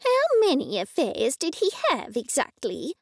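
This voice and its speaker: A shrill, fussing woman friend in an audiobook, put on by a woman narrator. She frets in a voice pitched far above the narration, with a gravelly edge. The recording stays close and dry. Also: sing-song, unhurried, dry recording, full character voice. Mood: probing. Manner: high, shrill, fretting.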